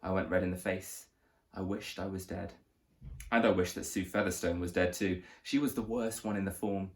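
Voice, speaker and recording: A man reading a children's story aloud as narrator, with lively, expressive storytelling. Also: low voice, moderate pace.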